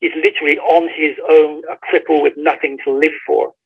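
Calling in remotely on a tinny line, a man who is a guest author walks through a story fairly quickly, his voice a little high, level in tone, gravelly, and breathy at the edges. He stays emphatic and conversational, acting out quoted dialogue.

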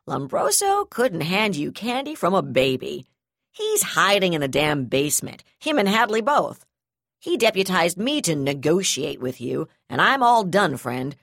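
A woman's voice: lowish voice, lively intonation, normal speed, a bit bright, dry recording, studio quality. A woman reading an audiobook, voicing a brutal, cornered female gendarme brigadier who hurls profane threats. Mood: sneering, furious.

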